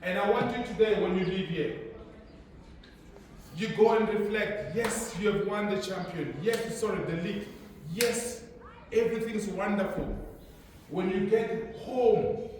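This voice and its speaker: A man's voice: sits high, darkish tone, a little hiss or hum. A man giving a motivational speech to young players at an awards event, repeating phrases for emphasis. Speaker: speaker at a sports awards ceremony. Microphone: far from the mic. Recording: echoey hall, from far off.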